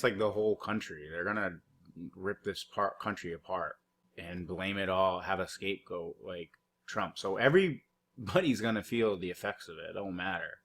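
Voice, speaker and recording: A man's voice: low-pitched, creaky, a bit bright. A man doing a mocking, rambling reaction commentary over news clips, cursing and heavy on fillers. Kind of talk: profane sarcastic reaction commentary.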